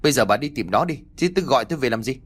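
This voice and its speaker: Man doing a gruff, scolding village father. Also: mid-range voice, lively intonation, very fast, a bit bright. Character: stern, gruff middle-aged village father.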